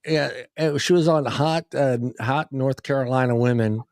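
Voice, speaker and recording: A man's voice: mid-range voice, moderate pace, darkish tone, no room sound. A man co-hosting a casual talk show, teasing the others and laughing often. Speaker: podcast co-host. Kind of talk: casual chat.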